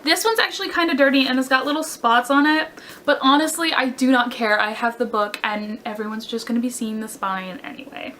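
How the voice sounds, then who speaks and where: A young woman talks through her book haul in a chatty, gushing way, often stopping to correct herself. Her voice sits high and sounds bright and clear. A faint hiss runs under the recording. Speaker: book vlogger. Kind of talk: casual book haul chat.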